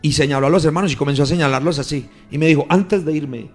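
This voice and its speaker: A male pastor tells his testimony on the radio with earnest, emphatic storytelling. His voice sits a little high for a man. Soft music plays faintly behind him. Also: fast talker. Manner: earnest, emphatic storytelling that swells louder at key moments. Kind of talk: recounting a testimony on a radio program. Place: radio studio.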